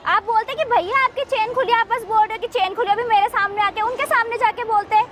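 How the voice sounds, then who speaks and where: A young woman on a city street arguing back with sharp, quick retorts. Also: extremely high pitch. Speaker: passer-by. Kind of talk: street argument. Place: busy city street outdoors. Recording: loud street noise.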